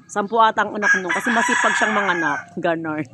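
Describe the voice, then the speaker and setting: A woman's voice: medium pitch, quick pace, very noisy. A middle-aged woman with a Filipino accent, chatting casually to viewers while filming a rural yard on her phone, laughing often. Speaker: vlogger. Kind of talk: casual vlog walkthrough.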